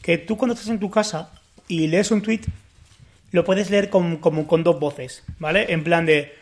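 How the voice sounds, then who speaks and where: A man with a notably high voice for a man. He talks through a casual group discussion and acts out little examples as he goes. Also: normal speed. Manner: animated storyteller, acts out examples. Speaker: podcast panelist.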